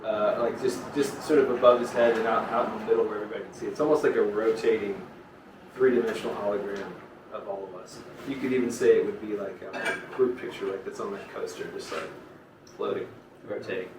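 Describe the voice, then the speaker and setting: A man's voice: on the low side, steady tone, brisk. A man narrating a tabletop game as dungeon master, casual and rambling with many fillers. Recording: roomy, distant, noisy home recording.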